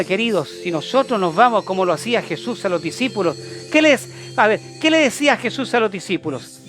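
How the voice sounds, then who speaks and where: High-voiced emphatic Chilean preacher. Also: male voice, a bit bright. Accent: Chilean Spanish. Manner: emphatic, repetitive preaching with rhetorical questions. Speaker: apostle and preacher. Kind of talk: sermon.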